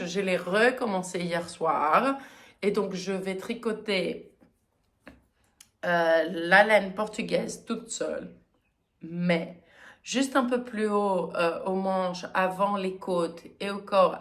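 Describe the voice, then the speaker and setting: A woman hosting her knitting podcast in a casual, chatty way, often pausing with hesitant fillers. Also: mid-range voice, a bit bright. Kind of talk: casual chat.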